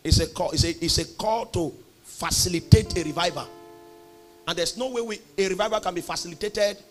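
A young Nigerian man with a Nigerian accent preaching a sermon, emphatic, with loud bursts on key words. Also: sits high, a little fast, faint music behind. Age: young adult.

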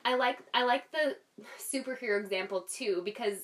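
A woman's voice: a little high, moderate pace, recorded from a distance. A woman hosting a casual podcast conversation, speaking in an earnest, candid way, with S sounds that whistle. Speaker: podcast host.

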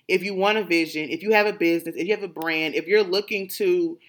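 A woman's voice: on the low side, steady tone, fast talker. A woman hosting her podcast, speaking in casual motivational chat with emphatic, preachy affirmations. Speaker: podcast host.

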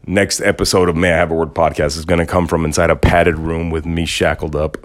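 A man hosting a podcast, talking in a rambling, joking casual monologue with big swings in pitch. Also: level tone, a little fast. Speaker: podcast host.

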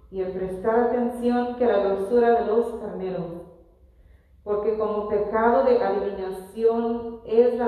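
A woman's voice: medium pitch, dark tone. Woman preaching in an echoey hall. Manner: fervent, addresses congregation as brothers. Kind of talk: sermon with scripture reading. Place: church.

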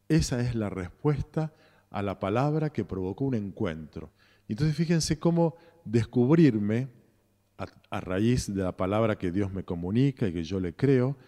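Argentine priest preaching in a reverberant cathedral. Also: male voice, lowish voice, warm tone. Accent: Rioplatense Spanish. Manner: slow, reflective preaching with repeated phrases and pauses. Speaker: parish priest. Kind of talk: sermon. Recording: long church reverb.

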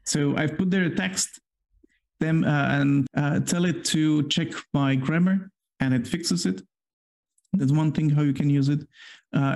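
His voice is mid-range and dark, carrying a Polish accent from a non-native English speaker. He co-hosts a casual work podcast chat and rambles through long explanations packed with fillers.

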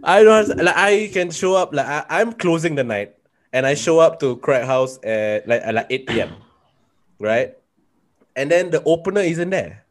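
A man from Singapore, hosting a casual podcast chat over a video call and telling stories with lively asides. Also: on the high side. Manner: animated, quick storyteller with frequent asides. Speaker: podcast host and comedian.

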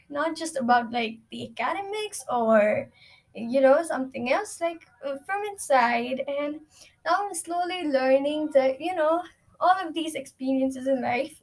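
A woman's voice: high-pitched, animated, unhurried. A teenage girl talking casually into a recording, rambling and reflective with lots of fillers. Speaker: student.

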